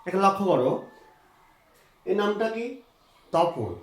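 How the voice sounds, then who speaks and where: A man's voice: high voice, animated, a little slow. A man teaching English pronunciation, patiently asking questions and answering them himself while explaining rules to students. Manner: patient, repeats points, asks and answers own questions. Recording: echoey room.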